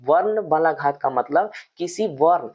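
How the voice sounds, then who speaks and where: A male teacher giving an online grammar lesson, explaining slowly and repeating example words with heavy stress, calling the viewers friends. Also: a little high, expressive, a little mellow, husky, muffled recording.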